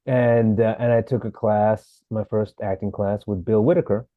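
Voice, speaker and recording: A man from Sri Lanka, an actor, telling his story as a podcast guest in a relaxed way, with fillers. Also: on the low side, normal speed, dry recording, phone-quality sound. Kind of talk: interview.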